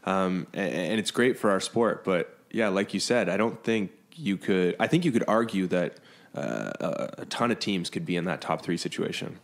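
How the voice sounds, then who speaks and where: Low-voiced man chatting on a podcast. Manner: chatty, quick, self-correcting. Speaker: podcast guest, beach volleyball player. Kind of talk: casual chat.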